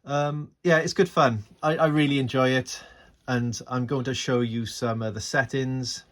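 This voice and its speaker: Filming on a handheld phone, this radio hobbyist gives a casual, unscripted walkthrough of his screen and gear, thinking aloud in a hesitant, informal way. His medium-pitched voice is a bit bright and steady, at normal speed, over noisy audio.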